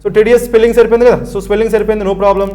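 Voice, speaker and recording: Fast, high-voiced Telugu-accented male tutor. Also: little pitch movement, warm tone. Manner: asks the class questions and answers them himself, tags lines with 'right?'. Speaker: exam coaching teacher. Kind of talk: explaining exam answers in a recorded class.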